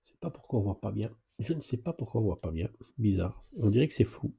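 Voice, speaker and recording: A man's voice: fairly low pitch, fast talker, gravelly, husky. A man giving a casual live question-and-answer driving lesson as an instructor, talking to viewers in a familiar, chatty way with playful exclamations. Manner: lively exclamations and playful asides.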